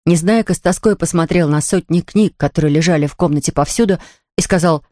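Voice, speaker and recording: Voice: medium pitch, fast talker, mellow, no echo, studio quality. A narrator reading a children's storybook aloud, switching into voices for the characters.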